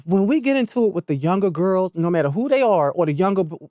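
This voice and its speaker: A woman in her forties with a Philadelphia accent is a guest on a podcast, chatting candidly and sassily and laughing a lot. Her voice is lowish and warm, fast and expressive, with no echo in this casual conversation.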